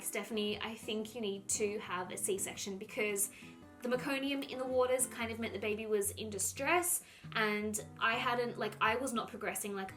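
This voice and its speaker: Chatty young woman, filler-heavy. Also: a little high. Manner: chatty, animated, says "like" a lot. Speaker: vlogger. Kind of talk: casual storytelling to camera.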